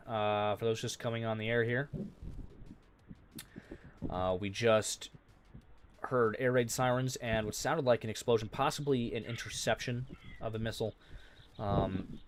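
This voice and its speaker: A man's voice: lowish voice, steady tone, measured pace, slight background noise. Man hosting a live news stream. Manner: unscripted, many fillers, reads viewer comments aloud. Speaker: livestream news host. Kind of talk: live breaking-news commentary reading chat.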